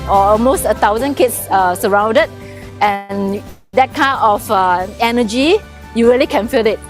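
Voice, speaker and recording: A woman's voice: on the high side, measured pace, over music. A woman from Singapore giving an earnest volunteer testimonial, hesitant and with frequent fillers.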